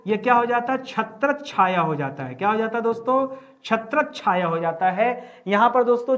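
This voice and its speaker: Male grammar teacher for an exam-prep class, drills words through repetition and rhetorical questions. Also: very high-pitched. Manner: repeats key words, quizzes students with rhetorical questions.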